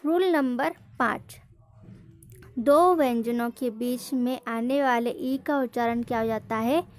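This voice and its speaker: Slow, high-voiced woman teaching. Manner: slow, drilling, asks questions then answers them. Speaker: English pronunciation teacher. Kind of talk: classroom-style lesson.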